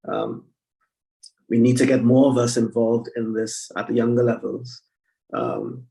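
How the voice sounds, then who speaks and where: Middle-aged Trinidadian man as panel moderator, dark gravelly voice, a little far from the mic. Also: mid-range voice. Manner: hesitant, many restarts and fillers. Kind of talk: online panel discussion. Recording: distant from the mic.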